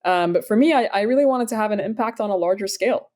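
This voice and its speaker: A woman's voice: mid-range voice, quick pace, a little mellow. A woman in her thirties, originally from Sudan, answering interview questions about her career in an upbeat, enthusiastic way with frequent fillers. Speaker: startup founder, guest.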